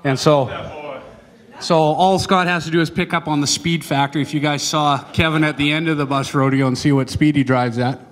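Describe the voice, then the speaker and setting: Male event presenter, folksy and halting, speaking informally in front of an audience in a reverberant hall. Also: on the high side, steady tone. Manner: casual, folksy, halting with frequent ums and pauses. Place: large banquet hall. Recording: echoey hall over PA, long reverb.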